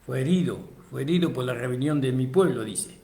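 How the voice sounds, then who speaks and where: A man preaching a sermon, reading scripture aloud and calling his listeners brother, lifting his voice for emphasis and then dropping low. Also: fairly quick, warm tone, roomy sound. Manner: addresses listeners as brother, frequent praise interjections.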